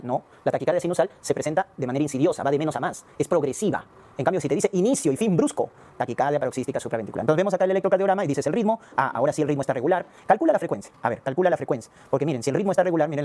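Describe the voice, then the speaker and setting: A man's voice: a little high, mellow. A man giving a recorded medical lecture, explaining step by step and often asking rhetorical questions and checking in with his students.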